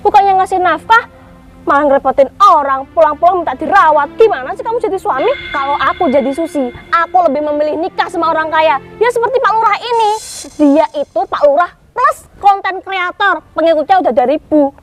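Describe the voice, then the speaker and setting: A woman voicing a snobbish older sister who berates her poor brother-in-law. She speaks in a very high voice over faint music. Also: fairly quick. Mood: scolding. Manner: scolding, contemptuous. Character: sharp-tongued older sister, scolding and snobbish. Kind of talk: amateur skit acting.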